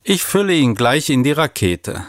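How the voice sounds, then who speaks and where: A man voicing an eager young girl who talks excitedly. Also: medium pitch, moderate pace, dry recording, studio quality, pitched above the performer's own voice, natural voice.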